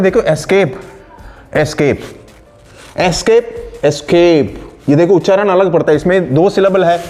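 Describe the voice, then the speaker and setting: A man teaching English grammar in Hindi, explaining words slowly and reading out English example sentences. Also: on the high side, a little mellow. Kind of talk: online spoken-English lesson in Hindi.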